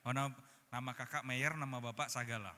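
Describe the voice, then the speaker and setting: A man's voice: mid-range voice, steady tone, quick pace, pushed and bright, a little hiss or hum. A male pastor giving an interactive sermon at a conference, playfully quizzing the congregation with questions. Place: large conference hall. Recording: reverberant hall with background music.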